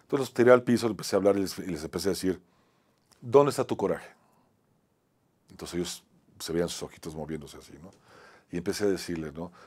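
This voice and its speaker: A Mexican-accented man with a fairly low voice tells a personal story as an acting teacher. His delivery swings between a strong, projected voice and a soft, quiet one. He keeps tagging his phrases with a little question. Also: rapid-fire, breathy edge. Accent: Mexican Spanish. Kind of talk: personal anecdote on a talk show.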